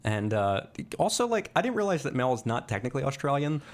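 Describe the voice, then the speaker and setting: Talking fast with big pitch swings in a medium-pitched voice, this man co-hosts a podcast discussing films casually. He's thoughtful yet hesitant, leaning on lots of fillers.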